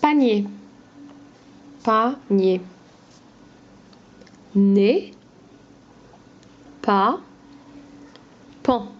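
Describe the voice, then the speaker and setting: A woman teaching a phonics lesson to young children, pronouncing each word slowly and clearly, syllable by syllable. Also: medium pitch, animated, dull audio. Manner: slow, clear syllable-by-syllable pronunciation.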